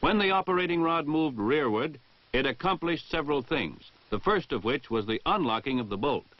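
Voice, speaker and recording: With a slightly high voice and lively intonation, an American man delivers measured, formal and precise instructional narration like that of a 1960 military training film. No echo is present, and the sound is the dull tone of a 1960 film soundtrack.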